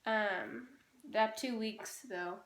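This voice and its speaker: A woman's voice: fairly high pitch, drawn-out words, fairly bright tone. A woman in her twenties chatting casually and teasingly in a home vlog. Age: 20s. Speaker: vlogger. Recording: echoey room.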